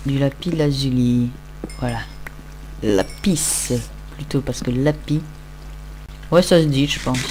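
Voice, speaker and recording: A man's voice: medium pitch, fairly even intonation, moderate pace, darkish tone, slight background noise. A tired man giving casual, rambling, self-mocking commentary while he plays a game. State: tired, just woke up. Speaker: Minecraft let's-play host.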